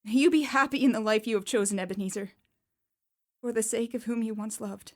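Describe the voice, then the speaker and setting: A woman's voice: a little high, fairly quick, darkish tone, lightly acted. A woman playing Belle, a young woman sorrowfully but firmly ending her engagement in a radio play. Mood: resolute. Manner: firm, sorrowful, clear.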